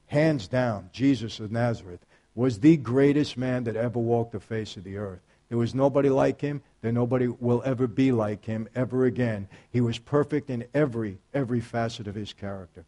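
A man giving a faith testimony, storytelling emphatically and speaking straight to his audience, swinging between hushed and loud. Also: medium pitch, moderate pace. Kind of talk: personal testimony talk.

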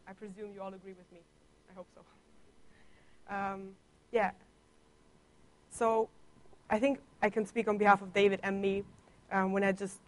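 With a mid-range voice, a young woman delivers her personal testimony during a church talk as a visiting guest speaker on placement. She comes from Germany, grew up with Italian and German, keeps things conversational with playful teasing, and coughs slightly.

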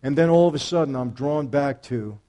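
A man giving a faith testimony, storytelling emphatically and speaking straight to his audience, swinging between hushed and loud. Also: mid-range voice, brisk. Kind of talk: personal testimony talk.

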